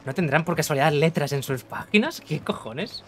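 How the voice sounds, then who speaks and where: A man's voice: fairly high pitch, animated, moderate pace, soft background music. Joking Spanish gamer man. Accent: Spain. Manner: jokey, swears freely, talks to the screen. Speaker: gaming streamer. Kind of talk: casual let's-play commentary.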